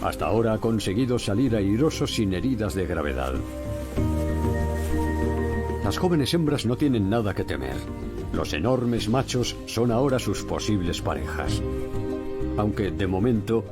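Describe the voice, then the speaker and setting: A man narrates a nature documentary in a fairly low voice over prominent music. His delivery is scripted and measured, with a dramatic storyteller's weight. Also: very animated. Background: background music.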